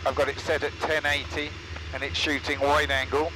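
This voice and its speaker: A man with a fairly high voice explains his camera gear plainly and calmly. He is on a headset intercom in a small plane's cockpit, and a steady engine drone sits under every word. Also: moderate pace, background noise. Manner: matter-of-fact, explanatory. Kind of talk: explaining while flying. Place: small aircraft cockpit in flight.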